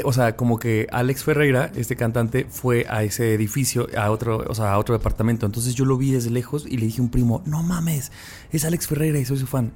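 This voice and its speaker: A man with a Mexican Spanish accent telling a rambling anecdote on a podcast, animated and acting out the voices in his quotes. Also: mid-range voice, slight background noise. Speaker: podcast co-host. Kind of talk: casual storytelling chat.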